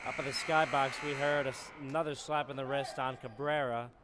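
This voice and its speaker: A male play-by-play commentator calls a college basketball game from the arena skybox. He breaks into shouts on the big plays. Arena noise and bouncing balls come through clearly under his voice. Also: mid-range voice, steady tone, fairly quick. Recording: noisy arena broadcast.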